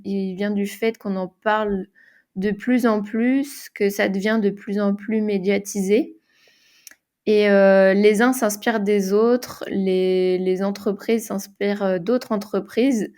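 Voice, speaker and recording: A woman's voice: medium pitch, steady tone, measured pace, a little mellow. A woman who designs games for workshops, answering interview questions in French, thinking aloud with frequent fillers and restarts. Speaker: game designer and facilitator.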